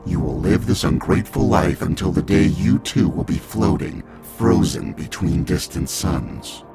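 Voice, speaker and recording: A menacing immortal starship pilot, as a man reads him out, with a very deep, gravelly voice. He speaks slowly and in a hushed half-whisper, as loud music plays under him. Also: animated, exaggerated voice. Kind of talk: audiobook character reading.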